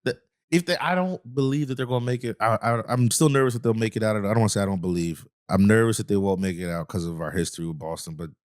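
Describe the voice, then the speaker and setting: A man's voice: on the low side, quick pace, a little mellow, no echo, clean studio sound. A man co-hosting a podcast who chats in an easygoing way and laughs often. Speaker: podcast co-host. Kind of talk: casual chat.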